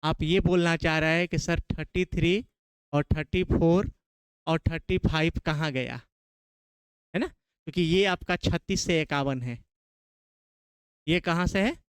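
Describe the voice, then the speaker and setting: A man's voice: on the high side, unhurried, pauses often, smooth, no room sound. A man from Bihar with a Bihari Hindi accent, teaching a classroom lecture, quizzing his students and repeating key terms.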